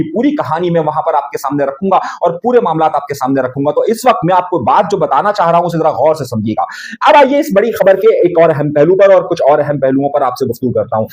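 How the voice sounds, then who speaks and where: Fast, emphatic male news commentator. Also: fairly high pitch, darkish tone. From Pakistan. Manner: emphatic, with rhetorical questions to the audience. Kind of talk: political news commentary monologue.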